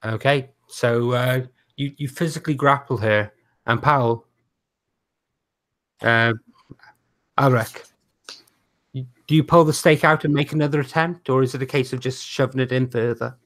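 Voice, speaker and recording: A man's voice: medium pitch, steady tone, normal speed, long pauses, a bit bright. Man running a tabletop game. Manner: hesitant, many fillers. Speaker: game master.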